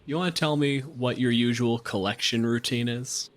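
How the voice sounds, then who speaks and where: A man with a medium-pitched voice at normal speed serves as game master and show host, narrating an improvised tabletop game in a conversational way with dramatic emphasis.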